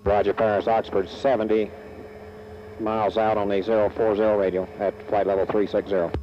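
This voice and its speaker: A man's voice: on the low side, brisk. A man flying a jet, talking through an oxygen mask microphone over the radio in clipped, terse radio procedure. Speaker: military jet pilot. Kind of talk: radio calls to air traffic control. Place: jet cockpit in flight. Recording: muffled cockpit radio recording with steady noise.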